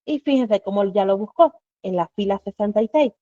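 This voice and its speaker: A woman's voice: mid-range voice, expressive, a little fast, dark tone, no echo. A woman giving a live online Excel class, explaining step by step and asking herself rhetorical questions as she goes. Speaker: Excel instructor. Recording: dull lo-fi dry recording.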